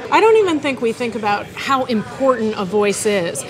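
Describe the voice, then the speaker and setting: A woman's voice: fairly high pitch, big pitch swings, normal speed, a crowd in the background. A woman reporter who interviews and explains in a friendly way and laughs easily.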